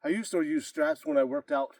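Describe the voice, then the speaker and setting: A man's voice: on the high side, brisk, a little mellow, dry recording, recorded from a distance. A middle-aged man talking casually to camera between gym sets, rambling and out of breath. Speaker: fitness vlogger. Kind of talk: casual talk to camera while working out. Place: remote gym off the grid.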